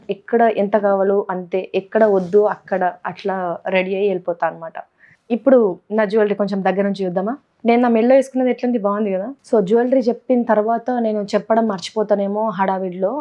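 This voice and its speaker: A woman's voice: mid-range voice, fairly even intonation, a little fast. Chatty Telangana woman vlogger. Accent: Telangana Telugu. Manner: chatty, playful, mixes in English words. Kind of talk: casual vlog chat. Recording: dull lo-fi sound.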